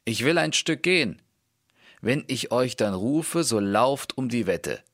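A fearless young hero from a storybook speaks in a raised, eager voice, as a male narrator puts him on. A gravelly grain stays under it, and the sound is close and dry. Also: medium pitch, lively intonation, unhurried, a bit bright, no room sound, pitched above the performer's own voice. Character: brave young man on a quest, fearless and eager.

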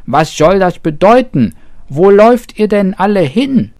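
A man voicing a jittery little young hare in a storybook reading, with a shrill, strained voice and frantic, fretful outbursts. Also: slow, gravelly, no room sound, clean studio sound, full character voice. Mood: indignant. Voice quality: shrieking, high and strained.

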